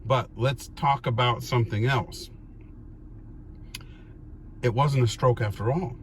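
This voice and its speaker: A man's voice: mid-range voice, fairly even intonation, takes it slowly, slight background noise. A man chatting casually and telling family stories in a teasing, playful, questioning way. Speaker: vlog host talking with older relatives. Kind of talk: casual chat, teasing storytelling.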